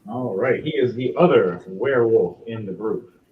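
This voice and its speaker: A man's voice: lowish voice, moderate pace. Rambling man hosting a tabletop game. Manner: loose, rambling with fillers. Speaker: game master and head host. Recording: roomy, dull, faint hiss.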